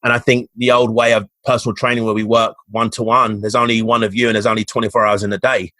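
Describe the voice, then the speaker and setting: A man's voice: lowish voice, level tone, fast talker, sharp tone, dry recording. A man from London's East End with a Cockney accent, a fitness coach talking as a podcast guest in an upbeat, motivational way, often restarting his sentences. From East End of London, England. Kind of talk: casual interview talk.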